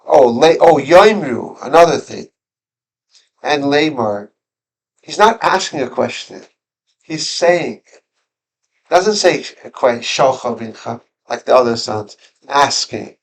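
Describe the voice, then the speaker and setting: A man's voice: mid-range voice, expressive, slow, long pauses, poor audio. A man teaching a classroom Torah lesson, talking conversationally, questioning his students, and often restarting his sentences. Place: school classroom.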